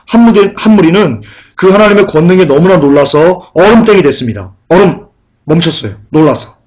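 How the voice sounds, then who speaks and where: A man's voice: fairly high pitch, animated, a little fast, darkish tone. Emphatic, combative male preacher. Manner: emphatic, repeats key points; combative, denouncing. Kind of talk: sermon.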